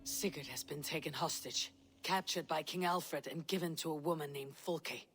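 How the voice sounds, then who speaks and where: A stern Viking warrior woman in a video game. Her voice is very low and husky, and she speaks in grave, measured, formal phrases with a weary weight. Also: fairly bright tone, soft background music, heavily acted. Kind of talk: scripted video game acting.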